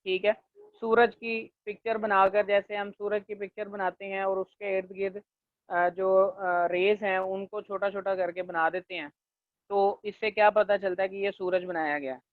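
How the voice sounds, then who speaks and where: A man's voice: sits high, flat delivery, no room sound. Man lecturing over a tinny line. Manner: leans on the filler "jo hai na" and checks in with "theek hai"; slows down to dictate English definitions. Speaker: linguistics lecturer. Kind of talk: classroom lecture. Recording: tinny, dry, phone-like recording.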